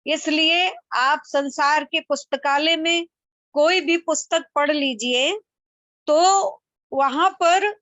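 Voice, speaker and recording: A woman delivers a religious discourse, her voice high and bright. She explains slowly and deliberately, driving points home through repetition. The sound is dry and close. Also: no echo, lo-fi sound. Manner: slow, emphatic explanation with repeated examples. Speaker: Vedic religious speaker.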